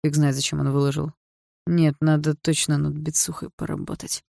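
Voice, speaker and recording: A woman's voice: little pitch movement, moderate pace, warm tone, no room sound, clean studio sound. A woman voicing a cocky teenage boy. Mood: offhand. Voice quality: low, smooth voice. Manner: teasing, laid-back drawl. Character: cocky teenage boy, mocking and self-assured.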